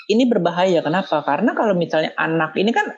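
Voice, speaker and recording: Guest expert, measured and explanatory, mid-pitched voice, muffled recording. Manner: calm and explanatory, acts out scolding parents in a raised voice. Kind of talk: explaining in a podcast interview. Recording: muffled lo-fi audio.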